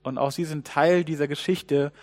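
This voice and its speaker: A man preaching a sermon, telling a Bible story with lively swings between loud outbursts and hushed asides. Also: on the high side, moderate pace.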